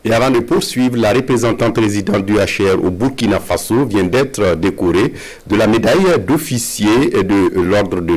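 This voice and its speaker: A male news anchor reads the bulletin formally and evenly in a lowish voice. It sounds clean, like a studio. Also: darkish tone. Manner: formal, measured reading. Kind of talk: news presentation.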